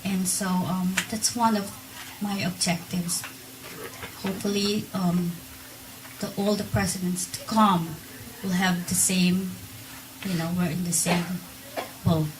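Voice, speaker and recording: A middle-aged woman speaks slowly and a little low, hesitating with frequent ums as she gives an installation speech. She is picked up from a distance, with faint room noise underneath. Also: little pitch movement. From Philippines. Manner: hesitant, many ums, unscripted. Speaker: incoming board member.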